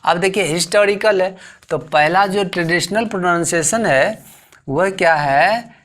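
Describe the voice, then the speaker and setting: A man's voice: high voice, unhurried, a bit bright. A man with an Indian accent teaching English grammar, asking rhetorical questions and repeating words as he explains. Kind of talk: classroom lesson explanation.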